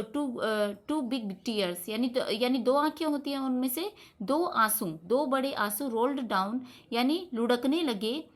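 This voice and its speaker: Female tutor, high voice, slow and careful, reads then translates. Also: a bit bright. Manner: reads English lines slowly, then translates word by word. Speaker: teacher. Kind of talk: online English lesson explained in Hindi.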